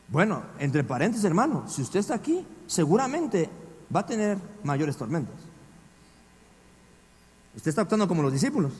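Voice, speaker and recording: A Mexican pastor preaching a dramatic sermon, swinging from quiet asides to shouting and firing rhetorical questions at the congregation. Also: male voice, high-pitched, in a large hall. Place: church.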